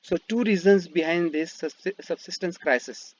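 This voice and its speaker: Teaching history over slides, a man with an Indian English accent whose first language is Marathi explains step by step, asking rhetorical questions with frequent fillers and restarts. His voice sits high at a moderate pace, in a dull, dry, lo-fi voice-over with slight background noise.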